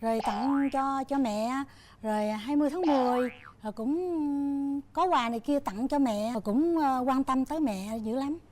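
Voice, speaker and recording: A woman's voice: high voice, moderate pace, darkish tone. An older woman, a mother-in-law guest on a talk show, chatting in a rambling way with many fillers. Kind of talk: casual talk show chat.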